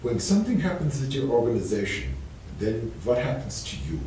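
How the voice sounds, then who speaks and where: A man playing a calm, probing psychiatrist. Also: medium pitch, brisk, slight background noise, close to an everyday voice. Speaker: therapist in a sketch. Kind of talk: improvised role-play. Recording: echoey room, distant mic.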